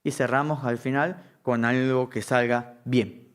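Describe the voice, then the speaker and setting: A man's voice: mid-range voice, steady tone, clear, resonant tone. A middle-aged man teaching a live music-direction class, often checking that the room is following. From Argentina. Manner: keeps checking understanding with a quick "¿sí?".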